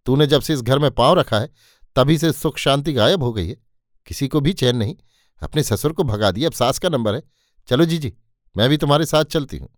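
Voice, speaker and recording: A man voicing a quick-tempered, bitter middle-aged mother in a spoken story, scolding her son and his wife. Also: medium pitch, dry recording, clean studio sound, natural voice. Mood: angry.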